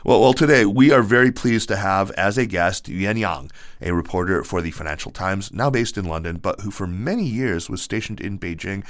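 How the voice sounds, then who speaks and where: A man hosting a podcast, talking in a relaxed, joking way with frequent restarts. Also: deep voice, moderate pace, no echo. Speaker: podcast host. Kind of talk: casual podcast conversation.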